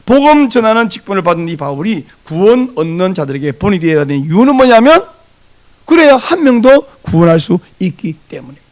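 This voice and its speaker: A man preaching a Sunday sermon as pastor, lively and animated, acting out the voices of people he quotes. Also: high voice, fairly quick.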